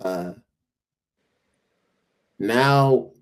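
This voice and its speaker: A man with an American accent, a guest educator on a podcast, speaking in an earnest, measured way. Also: mid-range voice. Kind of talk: casual podcast chat.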